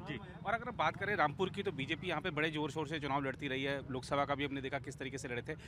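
A man's voice: on the high side, fairly even intonation, fast talker, noisy background. A male reporter interviewing party workers outdoors on a street, prompting them with short replies. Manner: keeps saying "ji" to prompt.

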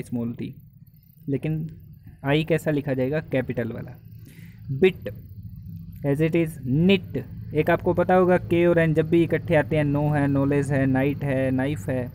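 A man teaches a lesson in a mellow, somewhat high voice. He reads example words out one at a time and keeps checking that his students follow. His tone is patient and plain, like a classroom lecture. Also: no echo. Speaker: exam coaching teacher.

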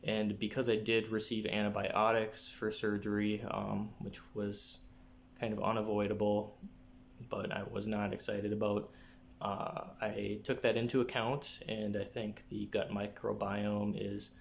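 A young adult man talking casually to camera in a personal update, often clearing his throat. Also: lowish voice, completely flat delivery, unhurried, slight background noise. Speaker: vlogger giving a personal health update. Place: small living room, indoors. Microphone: phone or camera at arm's length.

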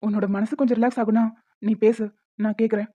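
A woman voicing a gentle young husband in a cartoon, soothing and reassuring his wife. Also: a little high, flat delivery, fast, natural voice. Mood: comforting.

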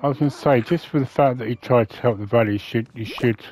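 A man's voice: medium pitch, fast talker, a little mellow. A man giving casual let's-play commentary, thinking aloud and muttering to himself as he plays. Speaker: gameplay commentator. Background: faint game music.

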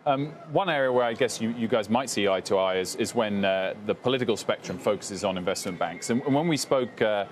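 A man's voice: fairly low pitch, fairly quick, hardly any pauses, a little hiss or hum. A man anchoring a business news interview, asking long, conversational questions on a lapel mic in a TV studio. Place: TV studio on a trading floor.

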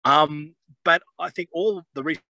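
A man's voice: on the high side, pushed and bright, muffled recording. A man talking in a webinar from a remote outdoor field site, his video call audio choppy and breaking up. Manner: halting, apologetic, restarts through dropouts. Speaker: conservation researcher. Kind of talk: webinar talk.

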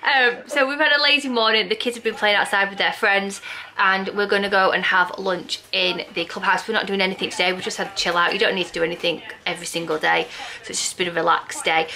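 A woman from England talks through her family's day in a casual vlog. Her voice is bright and clear, and she rambles cheerfully with plenty of ums and little laughs. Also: mid-range voice, fairly even intonation, quick pace. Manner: chatty, upbeat, laughs easily, lots of ums. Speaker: vlogger. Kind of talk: casual vlog chat to camera.

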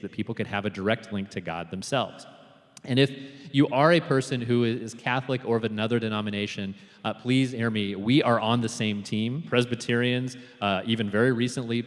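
A man preaching a sermon as pastor, telling stories in a relaxed way with frequent fillers and restarts. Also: on the low side. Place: church sanctuary. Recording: long hall reverb in a church.

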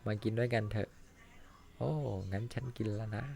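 A man voicing a kind young fisherman in a fan-dubbed cartoon, speaking in a soft, caring, reassuring way. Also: on the low side, fairly even intonation, normal speed, vocal fry. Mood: gentle. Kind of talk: Thai fan dub of an animated series.

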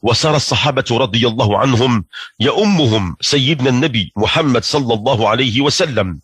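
A man giving a storytelling sermon, narrating in a measured, reverent way. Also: mid-range voice, a bit bright, husky, no room sound. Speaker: religious lecturer.

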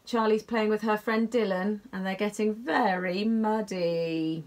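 A woman reading a bedtime story aloud to children, gasping and pausing to ask them about the pictures. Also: mid-range voice, a little hiss or hum. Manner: expressive, gasping, asks the listener questions about the pictures.

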